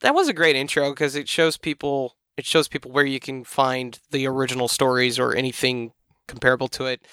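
A man's voice: mid-range voice, fairly quick, sharp tone, smooth, no echo, studio quality. A man chatting casually as a podcast co-host. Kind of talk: casual chat.

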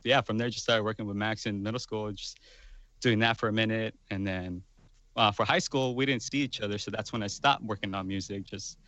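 A man's voice: lowish voice, steady tone, brisk, sharp tone, dry recording. A man in his twenties, a guest musician, talking in a rambling casual way with lots of fillers. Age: 20s. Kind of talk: casual chat.

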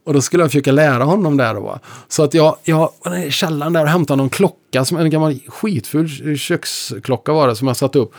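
A man working as a lecturer and musician, telling stories in a relaxed conversation with lively delivery. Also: on the high side, few pauses. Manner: lively, animated storyteller. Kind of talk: conversational storytelling.

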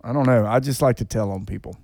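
A man co-hosting a comedy podcast, playful and quick to laugh. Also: medium pitch, darkish tone. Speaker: podcast co-host. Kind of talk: casual comedic chat.

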